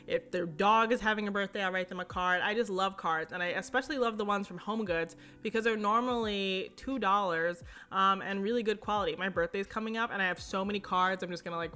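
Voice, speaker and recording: This young woman's medium-pitched voice is pushed and bright as she narrates a casual home decor shopping vlog in shop-with-me style. She stays chatty and upbeat, with many fillers and small asides.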